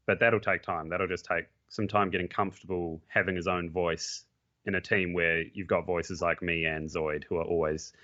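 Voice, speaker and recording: Speaking in a low voice with a fairly bright tone, a professional esports player chats bluntly and casually as a podcast guest, restarting often and occasionally swearing. The recording comes through a muffled, lo-fi microphone.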